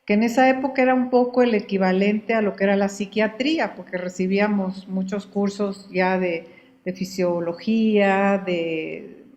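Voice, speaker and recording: An older Guatemalan woman, a guest in an interview, tells her life story in an unhurried, conversational way, often repeating words as she thinks. Her voice is medium in pitch, steady and darkish.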